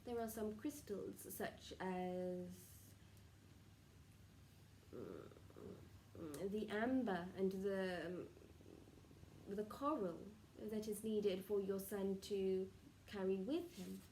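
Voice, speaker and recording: Woman as a mellow, solemn channelled spirit guide. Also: medium pitch, expressive. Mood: gentle, instructive. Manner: formal, halting, stilted phrasing with murmured pauses. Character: solemn benevolent collective of spirit guides advising a client. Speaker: trance channeller, spirit medium. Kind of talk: seance medium channelling, improvised spiritual counsel. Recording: roomy, distant mic with faint noise.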